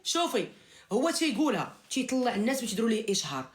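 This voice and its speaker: A woman's voice: a little high, sing-song, rapid-fire. A woman with a Moroccan accent venting in heated informal live chat, insistently repeating her phrases for emphasis. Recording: roomy, echoing sound.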